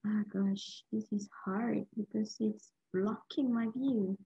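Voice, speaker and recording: A woman in her thirties with a Malaysian accent speaks slowly in a mid-range, creaky, warm voice with fairly even intonation. She's a university lecturer leading an online training session, teaching informally and often checking in with listeners over a headset. The interactive video-call lecture comes through as dull, lo-fi audio.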